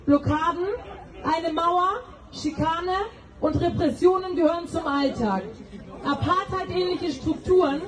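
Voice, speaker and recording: A woman giving a prepared speech at an outdoor protest, delivering it in measured, read-out phrases. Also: high-pitched, a little mellow, distant mic, poor audio. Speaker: protest speaker.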